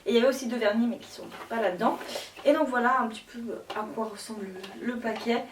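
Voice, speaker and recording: A woman's voice: fairly high pitch, steady tone, fast, roomy sound, distant mic, a little hiss or hum. A young woman chatting casually to camera about her haul, gushing and slangy, with lots of fillers. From Switzerland. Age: young adult. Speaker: beauty vlogger.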